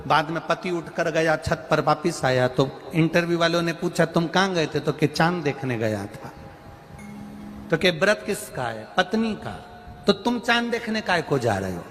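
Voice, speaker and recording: Animated man preaching in a hall. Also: fairly high pitch, moderate pace. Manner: animated, sing-song preaching with sudden loud rises. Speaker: religious storyteller. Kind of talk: devotional sermon storytelling. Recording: long hall reverb with faint music.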